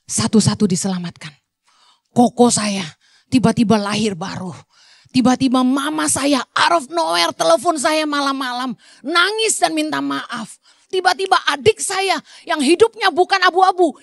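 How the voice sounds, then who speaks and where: A woman's voice: mid-range voice, no room sound. A woman pastor preaching a sermon and leading fervent prayer, speaking with passion.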